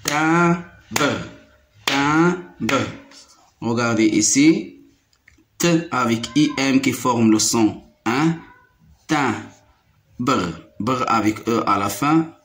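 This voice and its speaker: Slow, patient male phonics teacher. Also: mid-range voice. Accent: Moroccan French. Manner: slow, repeats each word several times. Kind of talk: primary school phonics lesson.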